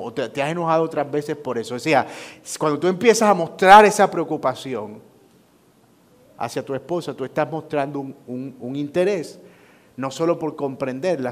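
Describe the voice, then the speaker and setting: A male pastor leads a Sunday school lesson in a relaxed, conversational manner. He leans on repetition for emphasis and slips into acting out everyday exchanges, at a middle pitch for a man.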